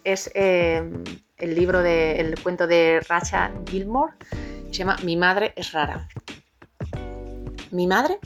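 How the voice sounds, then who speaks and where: A woman co-hosting a parenting podcast, reading a children's story aloud with lively, expressive voices for the characters. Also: on the low side, slow pace, pauses often. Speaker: podcast co-host. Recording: music playing faintly behind.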